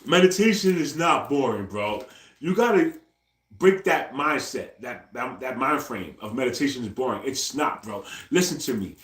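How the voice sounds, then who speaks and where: A man's voice: mid-range voice, animated, normal speed, a bit bright. Slangy forties man saying "bro" nonstop. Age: 40s. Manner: loose slangy talk, ends nearly every phrase with "bro"; repeats himself, talks straight to his viewers. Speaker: livestreamer. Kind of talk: casual live-stream chat. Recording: echoey room.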